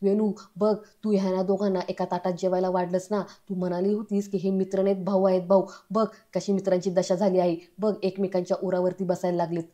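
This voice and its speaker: A woman reading the lines of a stern older man who scolds a young man for lying, in a flat, mellow voice. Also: medium pitch, a little fast, hardly any pauses, lightly acted. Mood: reproachful. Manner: scolding, reproachful.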